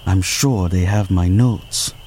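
A man's voice: low-pitched, takes it slowly, darkish tone, a little hiss or hum. A man playing a fussy, formal night escapee. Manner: formal, precise. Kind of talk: audio drama acting.

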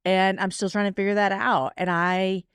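A woman's voice: medium pitch, level tone, a bit bright, clear, resonant tone, dry recording, clean studio sound. A woman in her forties, a guest author talking candidly and emotionally in a casual podcast interview. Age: 40s. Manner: candid, emotional, quick self-talk asides.

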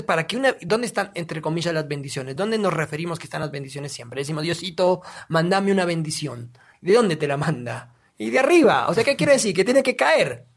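A man's voice: high-pitched, creaky, fairly bright tone, husky. A man, a guest in a casual podcast, explaining emphatically and asking himself questions he then answers.

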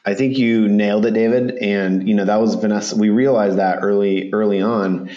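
A man's voice: fairly low pitch, fairly even intonation, moderate pace, dark tone. A man in a casual interview, speaking as a guest founder. His manner is chatty and informal, with some self-deprecation. The sound is slightly dull and lo-fi, as on a remote call. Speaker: podcast guest, startup accounting firm founder. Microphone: remote call with headphones.

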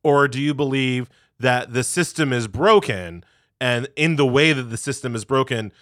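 A man's voice: medium pitch, moderate pace, a bit bright, no room sound, clean studio sound. A male interview host asking careful questions, rephrasing as he goes.

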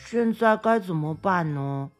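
A woman's voice: on the low side, expressive, a little slow, faint music behind, pitched above the performer's own voice. Woman doing a meek young son.

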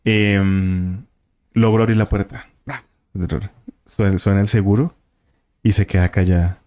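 A man's voice: on the low side, level tone, measured pace, mellow, smooth. A man, a guest telling a vivid story and acting out the voices and sounds in it. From Colombia. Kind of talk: casual storytelling of a paranormal experience.

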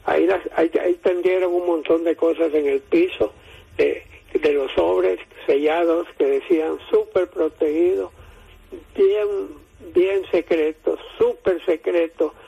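A man's voice: on the high side, fairly even intonation, a little slow, creaky, husky. A man giving political commentary over the phone to a radio host, his voice fading because he holds the phone away from his mouth. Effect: voice fading, phone held away from mouth. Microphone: phone held away from mouth. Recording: tinny phone line.

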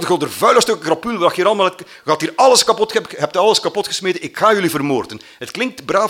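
A man from Belgium with a Flemish accent, telling a personal story and acting out the voices of the people in it. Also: medium pitch. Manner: animated, acts out quoted voices.

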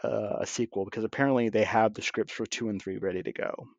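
A man's voice: fairly low pitch, steady tone, quick pace, dry recording. Male podcast co-host, braces lisp, opinionated casual film talk, dry and slightly muffled sound. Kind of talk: casual film review chat.

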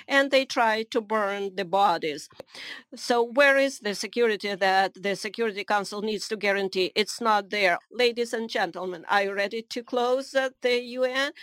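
Woman, live interpreter voice-over of an address, grave, measured, dry. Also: medium pitch, a bit bright, dry recording. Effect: live interpreter voice-over of a speech.

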